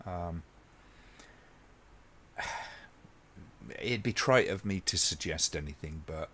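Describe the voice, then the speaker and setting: A man hosting a casual watch-along live stream, talking to his chat in a relaxed, rambling way with many ums. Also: sits low, slow pace.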